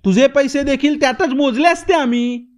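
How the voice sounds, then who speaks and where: Man reading as a high, scolding young woman, storybook dialogue, sharp and scornful. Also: moderate pace. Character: sharp-tongued young woman, angry at old friends.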